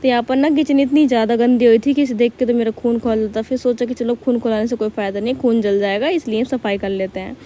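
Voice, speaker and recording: A young woman chats through her household day in a relaxed, homely voice-over that is loose and full of fillers. Her voice sits a little high, with a soft, mellow tone. Faint noise hums behind her. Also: fast, hardly any pauses. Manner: chatty, homely, with many fillers. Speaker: vlogger. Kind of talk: casual vlog voice-over narration.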